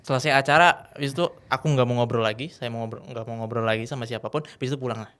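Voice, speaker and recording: A man's voice: mid-range voice, very fast. A man, a guest speaker and MC, telling stories in a casual podcast chat and acting out the scenes. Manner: lively storyteller, acts out scenes.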